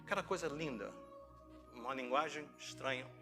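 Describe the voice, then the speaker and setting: A middle-aged Brazilian pastor gives an informal sermon laced with personal anecdotes, music playing in the background. His voice is mid-range and his speed normal. He tells stories in a conversational way, performs dialogue, and asks rhetorical questions.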